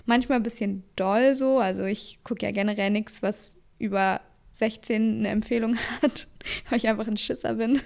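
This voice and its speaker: Gravelly-voiced enthusiastic young woman co-host. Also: on the high side, fairly even intonation, normal speed, a little mellow. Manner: enthusiastic, gushing, casual English words. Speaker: podcast co-host. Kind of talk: casual chat.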